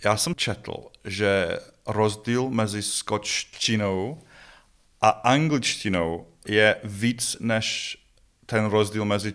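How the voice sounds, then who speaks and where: Low-voiced Scottish man in an interview. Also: gravelly. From Scotland. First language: English. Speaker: interview guest, festival organiser. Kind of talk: conversational interview.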